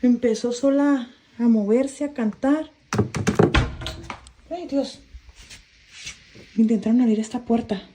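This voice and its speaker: A woman's voice: on the high side, takes it slowly, long pauses. A woman recording herself on her phone at home at night, nervously talking to viewers and calling out into the house. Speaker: person filming at home. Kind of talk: casual self-recorded phone video. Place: dark bedroom at home, indoors. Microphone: phone held in hand. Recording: echoey room with faint hiss.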